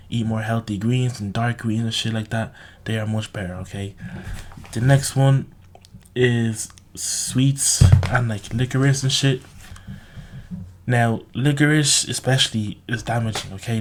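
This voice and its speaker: A self-improvement video host with a slightly raspy, sore-throated voice on the low side gives viewers casual, unscripted advice. He's blunt, swears a lot, repeats himself, and keeps tagging lines with "okay?" There's a little hiss or hum in the recording.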